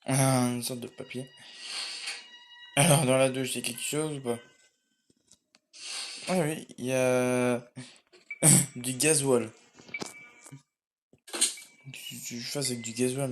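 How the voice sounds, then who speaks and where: A young man casually commenting on a horror game as he plays, mumbling and swearing now and then while he eats. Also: mid-range voice. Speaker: gamer playing a horror game. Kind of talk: casual let's play commentary.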